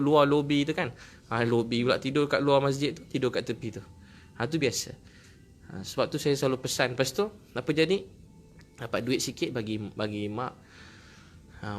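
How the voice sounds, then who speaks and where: A man's voice: medium pitch, a bit bright, slight background noise. A man with a Malaysian accent preaching a sermon, telling a personal story in a heartfelt, earnest way with repeated phrases.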